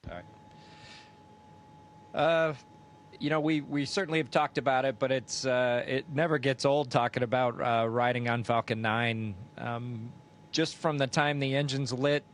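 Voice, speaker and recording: A man speaking as an astronaut, recounting things matter-of-factly and haltingly in an unscripted way. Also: fairly even intonation. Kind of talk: unscripted recounting in a live downlink event. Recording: space downlink with faint rumbling noise.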